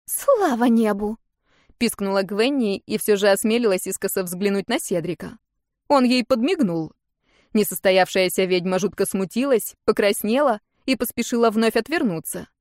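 A woman narrating a first-person fantasy audiobook in an expressive, lively storytelling manner. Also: medium pitch, normal speed, dry recording, studio quality.

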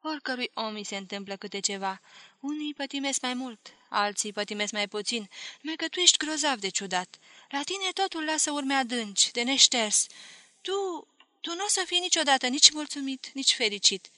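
A woman's voice: high voice, lively intonation, sharp tone, no room sound, pitched above the performer's own voice. A woman reading aloud, voicing a young woman companion, frank and probing, who speaks in an earnest, pointed way.

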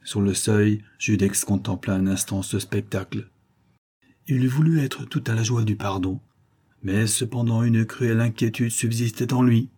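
A man reads a classic novel aloud in an expressive, dramatic audiobook narration. His voice sits low, with a dark, mellow warmth and a husky grain. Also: normal speed.

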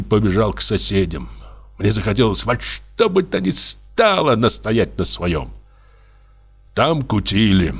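A man reading a literary story aloud, expressive and acting out the narrator's own outbursts. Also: lowish voice, breathy edge. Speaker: audiobook reader.

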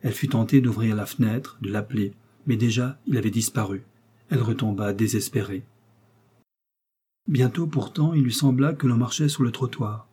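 A man reading a classic novel aloud in measured, expressive narration. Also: medium pitch, slightly rough. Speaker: audiobook reader. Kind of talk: scripted literary narration.

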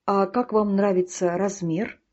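A woman voicing a vain, pompous male ladybug poet who declaims slowly. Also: medium pitch, fairly even intonation, a little mellow, lightly acted. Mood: grandiose. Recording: dull lo-fi recording.

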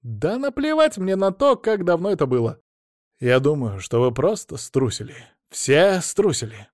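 A man's voice: a little high, big pitch swings, moderate pace, a little mellow, no room sound, studio quality, voice pushed up. Man putting on a brash cocky young guy. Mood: defiant. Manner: defiant, mocking, insistent.

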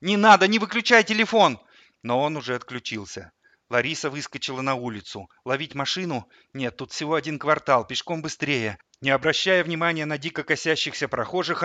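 A man narrating an audiobook with a vivid, expressive reading. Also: mid-range voice, no echo.

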